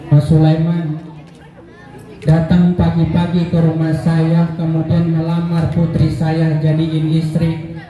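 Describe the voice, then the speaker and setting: A lovestruck middle-aged widow, pleading emotionally in a slow, mellow voice, as a male preacher puts her on. The words ring around a very echoey mosque hall, with a faint crowd behind. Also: a little high, monotone, faint music behind, voice pushed down. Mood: imploring.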